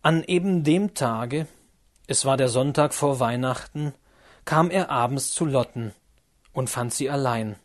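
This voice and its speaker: A man narrating a classic novel as an audiobook, measured and solemn. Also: medium pitch.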